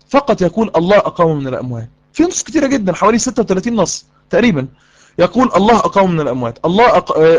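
A man with an Egyptian Arabic accent teaching a live online course, quizzing his students and repeating key lines for emphasis. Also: high voice. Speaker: religious course instructor.

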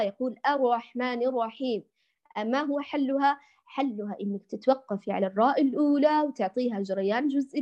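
A woman's voice: sits high, a little mellow, lo-fi sound. A woman teaching Quran recitation in a recorded lesson, patiently demonstrating sounds and calling her listeners dear. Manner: addresses listeners fondly as dears.

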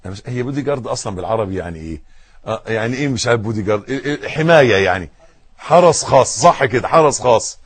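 Egyptian man, preacher, husky voice, animated pitch, dry close sound, loud then hushed, talks right to the crowd. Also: racing, dry recording. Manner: swings between loud emphatic stress and hushed, intimate address to listeners; speaks directly to the audience with colloquial asides. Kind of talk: sermon.

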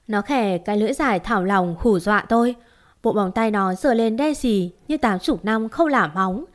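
A woman telling a first-person horror story in a dramatic, tense way. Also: medium pitch.

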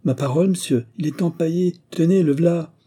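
A man's voice: fairly high pitch, fairly quick, mellow, slightly rough, pitched above the performer's own voice. A man voicing a mocking young village boy who works as a game beater. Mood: jeering. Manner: jeering, cheeky.

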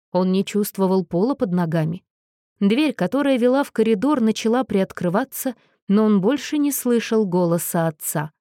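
Woman, audiobook narrator, steady, expressive, dry close sound. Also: mid-range voice, dry recording.

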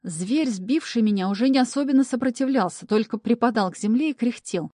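A woman narrating a first-person story in an expressive, lively way. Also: on the high side, a little fast, no room sound, clean studio sound. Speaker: audiobook narrator.

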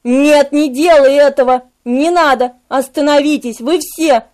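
A commanding male devil, acted by a woman reading an audiobook, with a lowered voice. The tone is urgent and domineering. Underneath it, the reader's naturally high pitch still shows. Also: fairly even intonation, measured pace, darkish tone. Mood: anguished.

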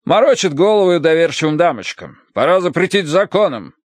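A gruff, pompous old colonel, as an audiobook narrator puts him on, barking his words in short clipped bursts. The voice sits raised and loud above the reader's own, and the recording is close and dry. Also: fairly high pitch, big pitch swings, measured pace, no room sound, pitched above the performer's own voice. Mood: blustering. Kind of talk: audiobook character voice.

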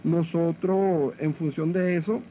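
Venezuelan male guest, AM radio broadcast sound, slightly high voice, mellow tone, halting, repeats words. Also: steady tone. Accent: Venezuelan Spanish. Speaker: hospital director being interviewed. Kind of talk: radio interview. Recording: muffled AM radio with faint hiss.

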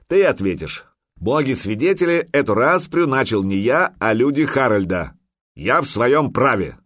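A man's voice: medium pitch, no echo, clean studio sound, pitched above the performer's own voice. A man voicing a proud, hot-tempered Viking jarl who roars his commands. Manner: roaring, forceful commands.

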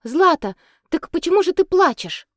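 A woman voicing an anxious young woman who pleads in a high voice near tears, read in a dry, close storybook style. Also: sing-song, a little slow, no room sound. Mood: worried.

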